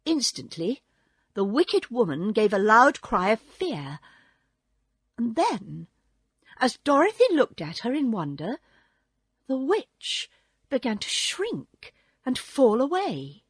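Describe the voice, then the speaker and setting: A woman reading a classic children's book aloud in a slow, expressive storytelling way. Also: on the high side, breathy edge, no room sound, clean studio sound.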